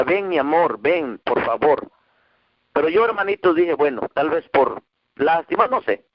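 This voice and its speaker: A man from Mexico preaching a testimony sermon to his congregation, telling his story with emotion and quoting the voices of others. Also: dry recording. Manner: emotional storytelling, quoting dialogue with rising pitch. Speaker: pastor. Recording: dull muffled dry sound.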